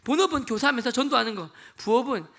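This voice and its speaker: Fast-talking guy in his 40s, high bright voice, telling his church testimony like a story, acting out everyone in it. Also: animated. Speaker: lay deacon giving testimony. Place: church sanctuary.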